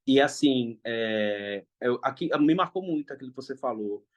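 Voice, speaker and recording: Hesitant young man, mid pitch. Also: animated, normal speed, dull audio. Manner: hesitant, restarts often, thoughtful. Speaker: father, interview guest. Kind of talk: casual interview talk.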